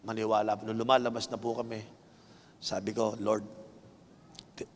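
A man with a Filipino accent preaching a sermon, telling a personal story with lively acted-out voices and switching between Tagalog and English. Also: lowish voice, fairly quick, slight background noise. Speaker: bishop preaching. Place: large indoor dome arena. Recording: long reverb of a big hall.

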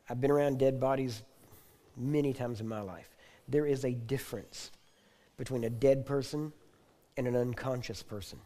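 Man preaching a dramatic healing testimony. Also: mid-range voice. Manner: intense storytelling, repeats phrases, rising to loud proclamations. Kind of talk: sermon-style personal testimony. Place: teaching hall.

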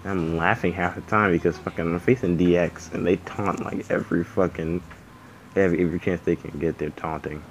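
Sleepy deep-voiced man cursing through gameplay. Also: steady tone, brisk, a little hiss or hum, poor audio. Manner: rambling, swears a lot. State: sleepy, yawning. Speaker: gaming channel host. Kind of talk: casual gameplay commentary.

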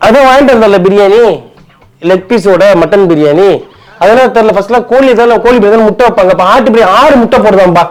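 A man's voice: sits high, fast talker, rough recording. A man with a Chennai Tamil accent in a bickering comedy skit, talking colloquially and argumentatively and often repeating himself.

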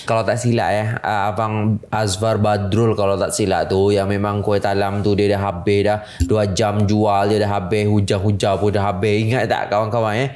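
Indonesian man reacting excitedly at a desk mic. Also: on the low side, normal speed. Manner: excited exclamations to viewers. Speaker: vlogger reacting to a video. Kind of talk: reaction commentary. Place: indoor studio. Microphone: desk microphone.

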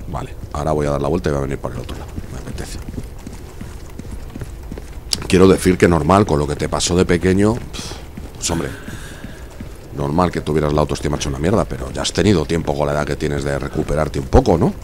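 A man's voice: rumbling low, fast talker, pauses often, a little mellow, slight background noise. A man with a Spanish accent from Spain, chatting casually while live-streaming a video game, arguing his point and reading out viewer messages. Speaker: gaming streamer.

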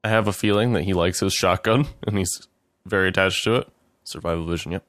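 A man's voice: low-pitched, a little fast, a bit bright, dry recording. A man giving casual, sweary commentary as he plays a video game. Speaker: let's player.

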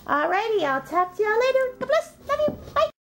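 A woman's voice: extremely high pitch, big pitch swings, a little fast. A woman vlogging casually, talking to her pet in a sing-song voice and to her viewers in a chatty way. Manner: chatty, signs off with blessings. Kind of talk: casual home vlog. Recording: noisy phone recording.

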